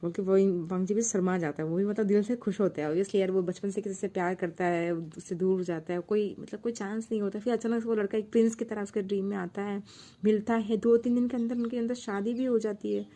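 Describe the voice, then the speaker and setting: A woman's voice: mid-range voice, fairly even intonation, fairly quick, warm tone. A woman casually retelling a romance fan fiction story in a chatty, loose way, with many fillers.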